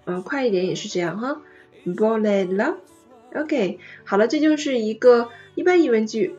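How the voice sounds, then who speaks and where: A woman teaching a French pronunciation lesson, explaining patiently step by step and modeling each phrase slowly. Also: mid-range voice, darkish tone, dull audio. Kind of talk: online language lesson.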